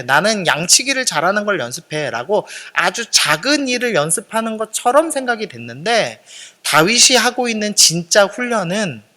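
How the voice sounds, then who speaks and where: A man's voice: high-pitched, sharp tone, in a large hall. A male pastor preaching a sermon, earnest and explanatory, turning to the congregation with conversational asides and questions.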